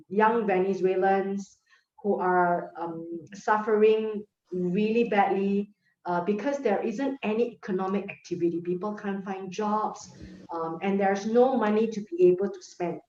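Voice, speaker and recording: A woman's voice: mid-range voice, a little mellow. A woman hosts an interview over a video call, speaking earnestly in long, encouraging stretches. Her voice is heard from a distance in a roomy space, and the audio is dull. The whole thing sounds like lo-fi call audio. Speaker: host.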